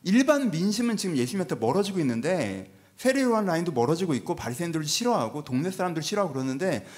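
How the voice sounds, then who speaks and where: Male pastor, church sermon, animated and conversational, swooping voice. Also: a little high, fast talker. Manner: animated, conversational preaching with playful voiced asides. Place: church sanctuary.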